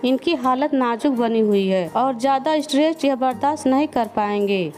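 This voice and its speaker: A woman voicing a calm hospital doctor in a storybook tale, speaking in a formal, instructive way. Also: sits high, normal speed, natural voice.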